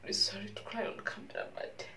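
A woman's voice: fast talker, distant mic, heavy background noise. A young woman talking to camera in an emotional personal vlog, crying and laughing through her words. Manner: tearful, breaking into laughs and sobs. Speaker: vlogger.

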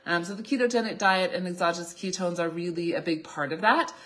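A woman's voice: fairly low pitch, quick pace, fairly bright tone. A woman in her thirties with a slight cold, explaining things as a doctor on an informal live Q&A. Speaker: naturopathic doctor hosting a live Q&A. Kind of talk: informal live question-and-answer talk. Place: small indoor office, seated at a desk.

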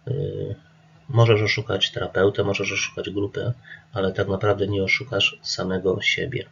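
A man, an addiction therapist, calmly explaining group therapy rules straight to the listener in an instructive presentation. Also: sits low, normal speed, vocal fry, husky, lo-fi sound. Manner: calm, instructive, addresses listener directly. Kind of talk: talking-to-camera presentation.

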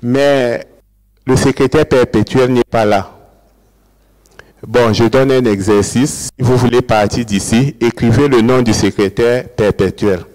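In a large lecture hall with long reverb, a man lectures academically in a medium-pitched, slightly slow and mellow voice. He explains ideas, repeats key words, and checks whether his audience is following.

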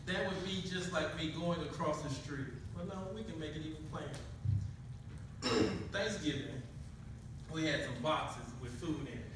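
A middle-aged man preaches in a small church, calling out to his congregation as he paces with a handheld mic. His voice sits a little high and rings through a very echoey room, picked up from far back. Room noise runs under everything. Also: moderate pace. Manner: preaching with call-and-response, pacing the stage. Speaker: minister. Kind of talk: sermon.

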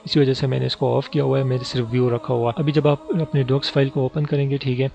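A man's voice: medium pitch, little pitch movement, quick pace, creaky, dark tone. A man hosting a tutorial channel, patiently walking through each step and checking in with "theek hai" as he goes. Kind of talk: screen-recorded how-to tutorial. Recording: slightly dull lo-fi voice-over with faint music.

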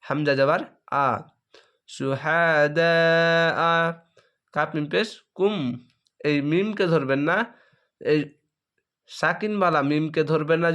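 A man teaching Quran reading, spelling each syllable aloud and then joining them, with drawn-out chanting of verses. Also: a little high, a bit bright. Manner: drawn-out melodic recitation of verses. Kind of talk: slow letter-by-letter Quran spelling lesson.

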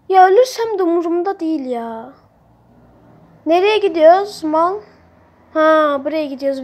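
A woman giving excitable, blunt let's-play commentary, trash-talking other players. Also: extremely high pitch. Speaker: gamer playing on a role-play server.

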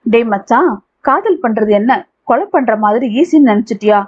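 A woman reading the part of a calm young man who reassures and advises his friend. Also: a little high, moderate pace, husky. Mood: consoling. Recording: tinny phone-like audio.

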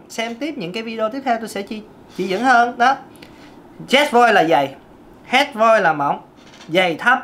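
A woman's voice: fairly high pitch, a bit bright. A woman, a vocal coach giving a casual singing lesson and breaking off to demonstrate vocal sounds.

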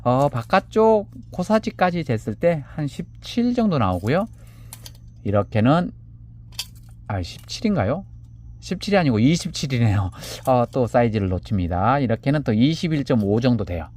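A man casually presenting handmade pots for sale, chatting gently as he measures each one. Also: mid-range voice, big pitch swings, normal speed. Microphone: camera on a table.

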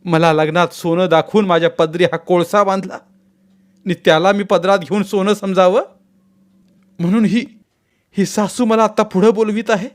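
A man voicing a bewildered, frightened young bride in a storybook reading, pitching his voice up high. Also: animated, normal speed, pauses often. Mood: despairing.

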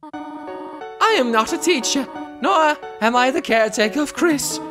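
A man voicing a gentle, motherly goat queen who speaks formally and sentimentally. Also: very high voice, lively intonation, unhurried, voice pushed up. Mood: kindly. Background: game music.

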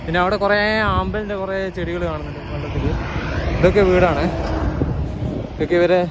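A man's voice: high voice, brisk. A Malayali man chatting casually as he narrates a cycle tour, pointing out sights along the road. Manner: chatty, pointing things out as he rides. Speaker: cycle touring vlogger. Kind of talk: casual travel vlog narration. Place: outdoors on roads while cycling. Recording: noisy outdoor traffic and wind. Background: traffic and wind.

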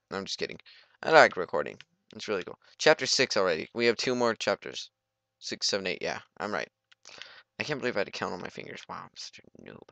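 A man's voice: low voice, very animated, brisk, creaky, long pauses, a bit bright, no room sound. A young man giving goofy, rambling let's play commentary and talking back to the game.

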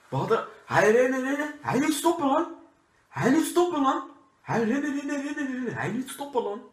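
A man's voice: high voice, a bit bright, voice pushed up. A young man playing a bickering, football-mad Turkish-Dutch burglar in a comedy sketch, with emphatic, repetitive broken Dutch and a Turkish accent. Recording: roomy echo of a bare room.

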